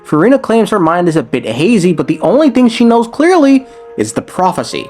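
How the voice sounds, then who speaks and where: A man's voice: high-pitched, wildly swooping pitch, fairly quick, darkish tone, soft background music. A man giving casual commentary on game lore, speaking in a conversational way with slangy asides. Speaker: lore video creator.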